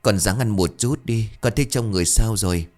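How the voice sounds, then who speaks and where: A man's voice: fairly low pitch, brisk, darkish tone, natural voice. A man voicing an anxious middle-aged village mother, pleading and tearful. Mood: coaxing.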